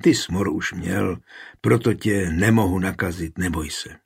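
A man reading the lines of a dying queen in an audiobook, speaking softly and frankly. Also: deep voice, vocal fry, husky, heavily acted. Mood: tender, weak.

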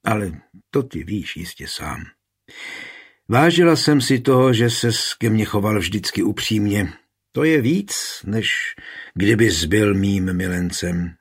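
A frail, tender queen on her deathbed, speaking low and quiet with a husky, breathy edge, voiced by a male audiobook reader. The voice sits deep and hushed, fading into soft, intimate words. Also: expressive. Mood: tender, weak. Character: dying queen, tender and frank. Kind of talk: audiobook reading.

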